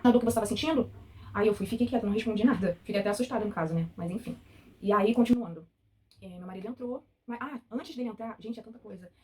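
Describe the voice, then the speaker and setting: A woman telling her own birth story, speaking quickly with indignation and quoting the staff who treated her. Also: medium pitch, a little mellow, a little hiss or hum. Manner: fast, tearful and indignant, quotes staff. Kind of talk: emotional personal account.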